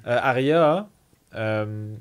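Quebec dude on a podcast, halting, lots of euh, normal mid voice. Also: male voice, medium pitch, clean tone. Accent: Québécois French. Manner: hesitant, many fillers and restarts. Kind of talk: casual chat.

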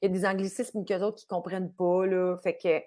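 A woman with a Québécois French accent, a singer speaking as an interview guest and telling stories with lively acted-out asides. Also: lowish voice, fairly quick. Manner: lively storyteller who acts out quoted people. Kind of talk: casual remote interview.

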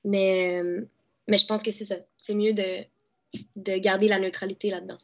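A gravelly, mid-range voice with flat delivery at normal speed belongs to a young Québécois actress and dubbing artist. She chats casually in an interview, often restarting and using fillers, captured on dull lo-fi audio.

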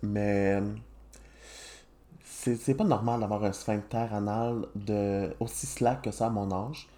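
Taking his time, the young Québécois podcaster speaks in a lowish, dark voice with fairly even intonation. In this relaxed chat, he tells stories at his own expense and laughs a lot.

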